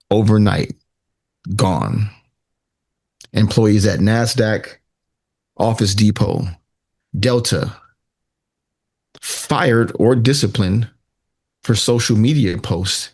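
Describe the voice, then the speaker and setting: A man delivering a scripted political exposé as a commentator, sardonic and pointed, with deliberate rhetorical phrasing and dramatic pauses. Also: fairly low pitch, a little mellow, husky.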